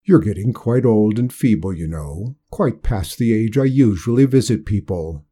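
A man voicing Death as a burly, weary, fussy bureaucrat with a low, measured, officious manner. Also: lively intonation, warm tone, breathy edge. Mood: persuasive.

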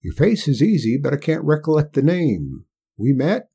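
A man's voice: fairly high pitch, sing-song, normal speed, warm tone, husky, voice pushed up, full character voice. A man voicing a stubborn, folksy old backwoods man with a drawling country way of talking. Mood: friendly. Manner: drawling country speech, raised and insistent.

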